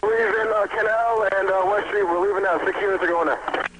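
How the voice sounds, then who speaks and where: A man with a high voice reports over an emergency two-way radio. His phrasing is clipped and procedural, and heavy noise runs through the crackly transmission. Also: steady tone, brisk. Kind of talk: emergency radio dispatch traffic. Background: loud radio noise.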